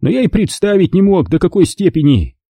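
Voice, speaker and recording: A man's voice: high voice, sing-song, fairly quick, dark tone, breathy edge, no echo, clean studio sound, voice pushed up, exaggerated voice. A man voicing a tactless, brash man who mocks those around him with smug jokes. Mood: mocking. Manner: smug, mocking.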